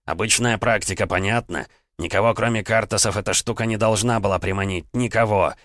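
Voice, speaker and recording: A worn-out, gruff adventurer who talks bluntly and defends himself, as an audiobook narrator plays him. The voice sits deep and low. The sound is dry and close to the mic. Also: male voice, steady tone, brisk, fairly bright tone, no room sound, lightly acted. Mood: defensive.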